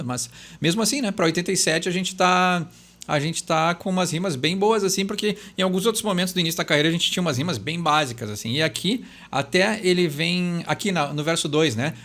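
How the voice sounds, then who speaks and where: Brazilian male lyric explainer, slightly higher voice, casual and chatty, thinks out loud, leans on "né". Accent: Brazilian Portuguese. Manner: chatty, thinks aloud, frequent tag "né". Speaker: host explaining song lyrics.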